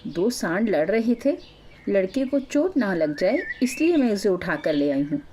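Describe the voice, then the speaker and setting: A woman voicing a humble, gentle young married woman who speaks politely and softly. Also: mid-range voice, very animated, a little slow, slight background noise. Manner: polite, soft-spoken, humble.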